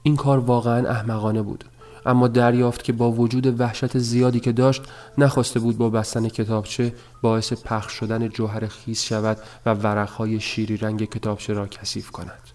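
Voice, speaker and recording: A man reading a novel aloud as an audiobook narrator, in a measured, even storytelling manner. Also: mid-range voice.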